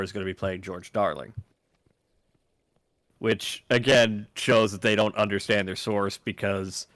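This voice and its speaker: A man's voice: fairly low pitch, a bit bright, no room sound. A man in a casual chat while a game is played, talkative and opinionated about movies.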